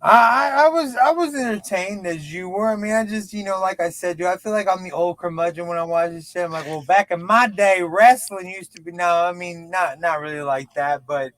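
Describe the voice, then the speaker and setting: A man in his late thirties with a high, slightly bright voice talks a little fast with few pauses. He's a podcast guest in a casual chat, joking at his own expense and stumbling over his words.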